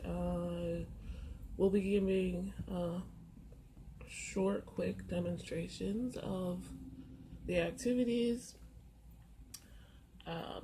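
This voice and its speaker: In a rough camera recording, a tarot and oracle card content creator with a sore throat and a low voice shows around her first-floor apartment on a busy street. Faint traffic sounds linger in the background as she speaks casually and unhurriedly, halting frequently with gentle filler pauses.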